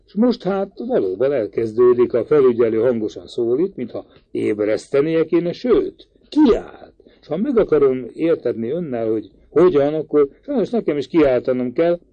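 A man's voice: mid-range voice, sing-song, dry recording. A man reading an eager, persuasive young man. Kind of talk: audiobook reading. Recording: dry, slightly dull recording.

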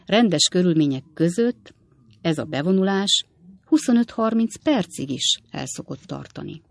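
A woman narrating a classic novel as an audiobook in a measured storytelling manner. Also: on the low side, animated, creaky, no room sound.

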